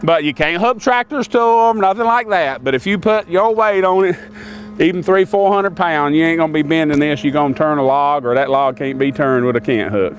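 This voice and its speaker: An older man talks through a hands-on tool demonstration outdoors, filmed from a few meters away. His voice sits a touch high, and he rambles in a folksy way, full of "uh" and restarts. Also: brisk. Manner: folksy, rambling, with many fillers. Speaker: sawmill equipment maker demonstrating tools. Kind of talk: casual product demonstration. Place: outdoors by a sawmill and in a wooded lot.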